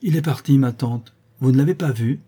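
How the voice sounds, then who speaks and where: A man's voice: mid-range voice, a little fast, dark tone, slightly rough, voice pushed up, natural voice. A man voicing an earnest, sincere young orphan woman in a read-aloud novel, raising his voice for her.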